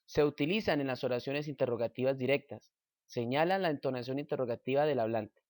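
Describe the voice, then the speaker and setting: A man slowly reading out a punctuation lesson at a middling pitch. The voice is dry and close, with no room sound. He pauses after each point. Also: darkish tone, no echo. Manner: slow, measured reading with example sentences. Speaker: teacher. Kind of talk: reading a grammar lesson aloud.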